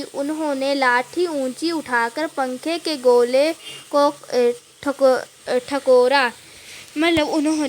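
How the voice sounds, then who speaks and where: Woman teacher, high voice, unhurried, reads a passage then unpacks it line by line, many restarts. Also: slight background noise. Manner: reads a passage aloud, then explains each line in simple words; frequent restarts and filler sounds. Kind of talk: explaining a textbook lesson.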